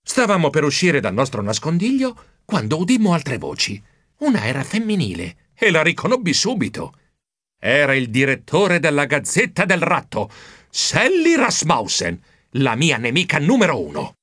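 A man narrating a children's audiobook in the first person, animated and expressive. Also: a little high, normal speed, dry recording, clean studio sound.

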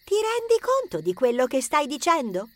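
A woman's voice: high-pitched, huge pitch swings, normal speed, no room sound. A woman playing a bold skeptical teenage girl. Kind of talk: audiobook character acting.

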